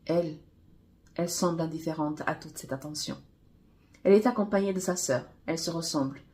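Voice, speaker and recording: A woman author reading her own romance novel aloud in steady first-person narration. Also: deep voice, brisk.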